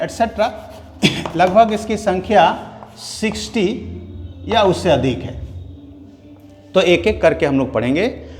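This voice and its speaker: A man teaches English grammar at a very slow pace, dictating each word and often pausing to ask if it's clear. His voice sits a little higher than most men's. The recording carries a long hall reverb and a faint background hiss. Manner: spells out words one at a time. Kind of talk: classroom grammar lesson.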